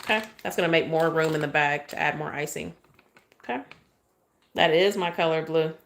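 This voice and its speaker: A woman's voice: deep voice, normal speed, creaky. A chatty woman, demonstrating cake decorating on a live stream and often thanking her viewers.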